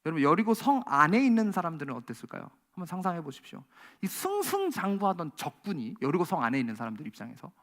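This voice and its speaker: A male pastor delivering a Sunday sermon in a conversational style. His voice sits high and leaps up and down as he acts out what people might say. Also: fast. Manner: acts out quoted voices in lively conversational preaching.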